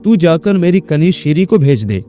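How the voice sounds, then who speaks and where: A man's voice: a little high, very animated, normal speed, warm tone, soft background music. A man voicing a hot-tempered young man who believes he is the caliph and barks angry commands. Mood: angry, commanding.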